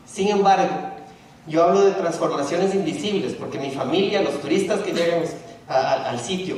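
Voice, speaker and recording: With a fairly high pitch and darkish tone, a middle-aged Ecuadorian man gives a public lecture in a university auditorium. Frequent restarts and fillers make him sound hesitant, and the mic sits far away in an echoey hall that picks up a little hiss or hum.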